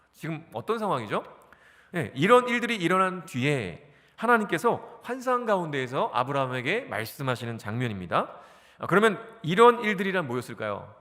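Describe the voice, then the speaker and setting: A man in his forties preaches to a congregation and keeps asking them questions, then answers them himself. His voice is bright and rises and falls a lot. It rings out with the long reverb of a church hall. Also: on the high side, sing-song, a little fast. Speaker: pastor. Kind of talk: sermon. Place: church sanctuary.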